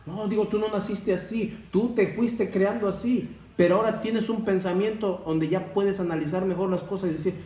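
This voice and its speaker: A man delivers a sermon-style testimony, preachy and full of rhetorical questions to his brothers. His voice is mellow and a touch high. He sounds far from the mic in an echoey room with faint background ambience. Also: fairly even intonation, moderate pace, hardly any pauses. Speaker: church member giving testimony.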